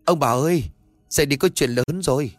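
A man's voice: fairly high pitch, a little fast, soft background music, voice pushed up, lightly acted. A man voicing a panicked young male servant who stammers and pants, in a spoken horror story. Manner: stammering, breathless.

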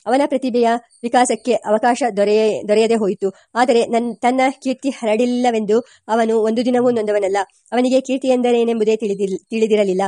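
Mellow, fairly high-voiced woman narrator. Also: fairly quick, no room sound, studio quality. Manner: steady reading with occasional slips and self-corrections. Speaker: audiobook narrator. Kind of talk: reading a memoir aloud.

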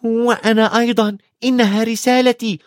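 A man doing young Harry, shrill and indignant. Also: fairly even intonation, moderate pace, dry recording, clean studio sound, close to an everyday voice. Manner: high, strained, insistent cries.

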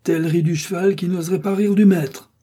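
A hot-headed young Gascon, pitched well above a mellow reading voice, as a male narrator puts him on. He hurls loud, indignant challenges in a husky tone. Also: fairly even intonation, moderate pace. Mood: furious, challenging.

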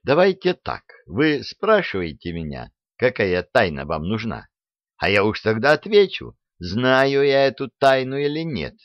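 A man's voice: medium pitch, very animated, unhurried, no room sound, dull audio, voice pushed up. A man voicing a cunning, sly male double agent who tells his story with boastful relish.

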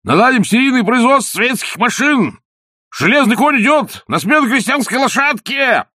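A man voicing a beardless village man who angrily shouts slogans at a passing car in a storybook reading. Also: very high voice, big pitch swings, moderate pace, no room sound, clean studio sound, pitched above the performer's own voice, exaggerated voice. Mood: hasty. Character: loud beardless village man making a speech.

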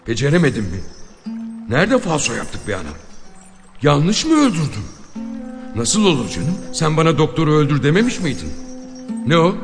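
A man voicing a dying outlaw, low and subdued. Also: long reverb tail. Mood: fading. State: dying from a gunshot. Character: mortally wounded male outlaw, defiant to the end.

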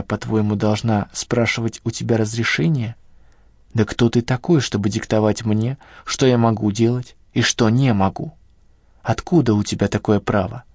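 A weary, contemptuous young woman held captive, voiced by a male audiobook reader. She speaks quietly and lower, with tired irony. The sound is dry and close. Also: vocal fry, dry recording. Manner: tired, scornful, ironic.

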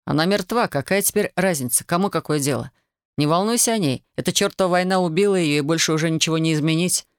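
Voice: medium pitch, fast, clean tone, dry recording, clean studio sound, close to an everyday voice. A reader voicing a weary wounded young soldier. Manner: tired, reluctant, pleading. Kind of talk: audiobook character voice.

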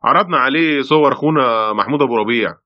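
Actor as rapid-fire brusque Egyptian police brigadier. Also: male voice, medium pitch, natural voice. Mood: brisk, explaining. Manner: insistent, blunt, dismissive. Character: brusque, sceptical male police brigadier, pressing his case. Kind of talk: radio play acting. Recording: dull lo-fi audio.

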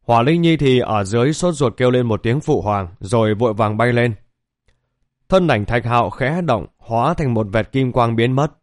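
A man's voice: medium pitch, moderate pace, no room sound, clean studio sound. Man narrating a fantasy audiobook. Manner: steady, even storytelling read.

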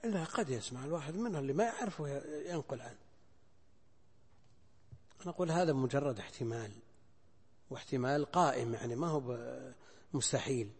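A man's voice: mid-range voice, darkish tone, breathy edge. Older man teaching in a reverberant hall. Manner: deliberate, repeats phrases and weighs options aloud. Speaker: Islamic scholar teaching hadith. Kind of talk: recorded lecture explaining a hadith text. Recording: lecture hall with long reverb.

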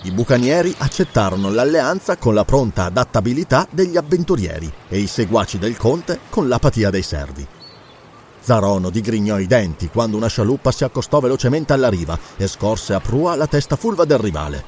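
Expressive male audiobook narrator with a lively, dramatic read. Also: mid-range voice, a little fast, a little hiss or hum. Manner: expressive storytelling.

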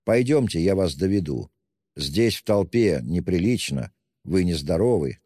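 A man voicing a gentle, solid older male official in an audiobook, speaking in a calm, soothing way. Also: deep voice, measured pace, husky, no room sound, studio quality, long reverb tail, full character voice.

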